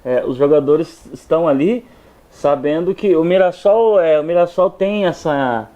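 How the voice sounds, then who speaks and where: A man's voice: on the high side, unhurried, warm tone, muffled recording. A man giving blunt, opinionated football commentary in a studio chat, speaking straight to the fans. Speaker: sports commentator. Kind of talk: casual studio sports chat.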